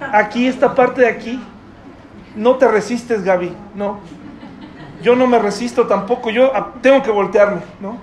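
A middle-aged pastor with a strikingly high voice delivers a conversational sermon, peppering it with rhetorical questions to his congregation. He sounds like he's speaking in a church hall, and the sound bounces around the room over a faint background hiss. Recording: echoey room with faint noise.

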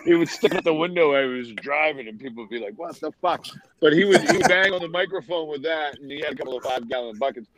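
A man from Massachusetts with a New England accent, telling loud stories as a podcast guest, swearing and laughing often. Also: on the high side, quick pace, a crowd in the background, rough recording. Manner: profane, laughing storyteller. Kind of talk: casual chat.

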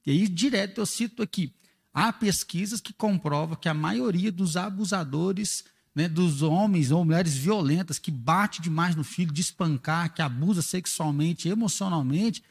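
A man's voice: high voice, normal speed, vocal fry, breathy edge, big-room sound. A father speaking in a conversational teaching talk, earnest and explanatory, often asking rhetorical questions. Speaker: father and church speaker on parenting.

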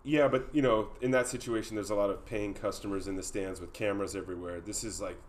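A man with a fairly low voice tells a story in a relaxed, wry way. He is a casual chat host who keeps things easygoing. His delivery is conversational and unhurried. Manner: laid-back, wry anecdotal telling.

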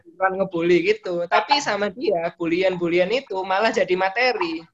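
A man's voice: sits high, moderate pace. Chatty male caller, dull line. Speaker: caller from a stand-up comedy community. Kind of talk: casual call-in chat.

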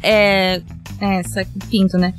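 A woman's voice: mid-range voice, flat delivery, slow pace, soft background music. A Japanese-born woman, chatting casually as a guest and often laughing as she tells stories. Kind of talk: casual chat.

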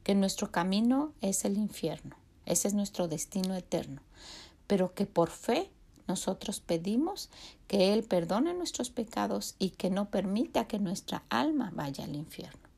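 A woman hosting a devotional talk for women, earnest and encouraging, often dropping to a soft whisper for emphasis. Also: mid-range voice, animated, measured pace, gravelly, slightly rough. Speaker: women's ministry podcast host.

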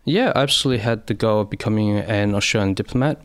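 A man in his thirties or forties who grew up in China, speaking as an interview guest in a measured, reflective way with frequent fillers. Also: fairly low pitch, clear, resonant tone, no echo, studio quality. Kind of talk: conversational interview.

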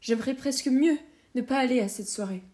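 A woman reading as an anxious, yearning young wife who speaks softly and hesitantly. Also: high-pitched, brisk, pitched above the performer's own voice, lightly acted. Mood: plaintive. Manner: soft, plaintive and hesitant.

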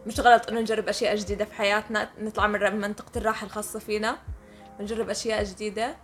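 A woman's voice: medium pitch, level tone, racing, faint music behind. A woman with a Levantine accent explaining things casually and emphatically to listeners as a podcast co-host.

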